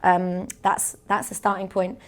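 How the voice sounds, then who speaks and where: A woman's voice: medium pitch, little pitch movement, a little slow. A young woman teaching a beatboxing technique, explaining step by step in a patient tutorial manner. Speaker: beatbox instructor.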